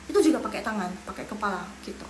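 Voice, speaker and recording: In a live online lesson, a young woman from Medan, Indonesia, speaking with a Medan accent, drills Mandarin tones aloud and encourages learners casually. She talks very fast in an expressive mid-range voice. The room echoes, there's slight background noise, and the recording quality is low.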